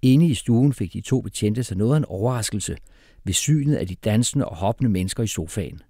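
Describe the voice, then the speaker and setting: A man reading an audiobook with expressive, animated storytelling. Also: fairly low pitch, no echo, studio quality. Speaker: audiobook narrator.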